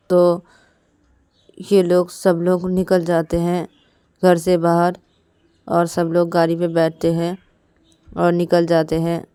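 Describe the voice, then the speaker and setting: A woman's voice: lowish voice, warm tone, clean tone, no echo, studio quality. A woman narrating a love story in a casual, plain storytelling manner.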